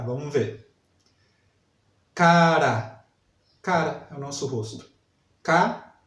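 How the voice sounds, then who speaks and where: A man teaching a literacy lesson, sounding out syllables slowly and repeating each word. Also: medium pitch, distant mic. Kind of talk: slow spelling lesson for adult learners. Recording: echoey room, voice set back from mic.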